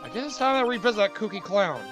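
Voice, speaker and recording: A man's voice: high voice, lively intonation, fast talker, over music. A man hosting a let's play, reading game dialogue aloud with casual commentary.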